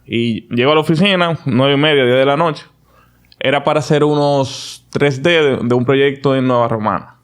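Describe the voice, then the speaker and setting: A man, a podcast guest telling his story in a casual, animated, confident way with frequent restarts. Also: mid-range voice, normal speed, smooth.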